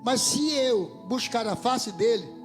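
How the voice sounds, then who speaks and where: A man with a Brazilian Portuguese accent preaching a sermon into a microphone in a church, fervent, rising to shouts and dropping to near whispers. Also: very high voice, animated, slow, soft background music. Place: church hall. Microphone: handheld microphone.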